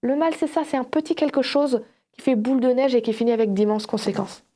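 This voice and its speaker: Fairly high in pitch and quick with her words, a woman joins a casual Bible discussion as a panelist on a religious show. Her explanations take the form of animated stories in which she acts out imagined quotes.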